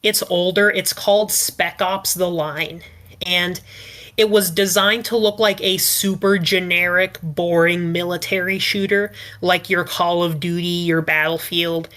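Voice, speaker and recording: Woman, slightly low voice, earnest and wordy podcast panelist. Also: fairly even intonation, measured pace, a bit bright. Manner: earnest, explains at length with many "like"s. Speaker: podcast panelist and ASMR script writer. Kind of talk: casual podcast chat.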